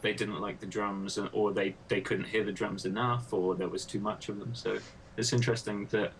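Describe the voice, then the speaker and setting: A man's voice: on the low side, level tone, moderate pace, slight background noise, low-quality recording. A man, a PhD student, interviewing a guest in casual conversation, thinking aloud with many fillers.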